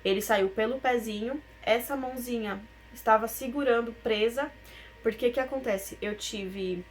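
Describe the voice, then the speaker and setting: A woman's voice: a little high, normal speed, a little hiss or hum. A young woman, telling her own story as a personal testimony, emotional and tearful at times.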